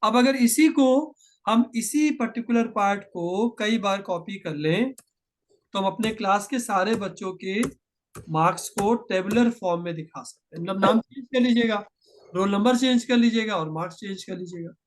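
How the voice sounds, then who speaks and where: Speaking in a voice that sits high, a man teaches programming over screen share, patiently going step by step, mixing in terms and slowing when he dictates code.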